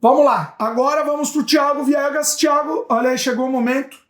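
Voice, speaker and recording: A woman from Brazil co-hosting a casual chat show, reading viewer comments aloud with lively asides. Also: high voice, a little fast. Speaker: co-host. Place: home in Canada. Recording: roomy echo.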